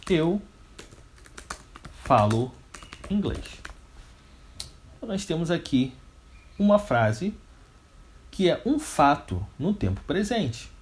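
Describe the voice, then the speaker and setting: A man's voice: on the high side, very animated, takes it slowly, long pauses, slight background noise. A man with a Brazilian Portuguese accent teaching an English grammar lesson step by step, asking questions and answering them himself. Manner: didactic, step by step.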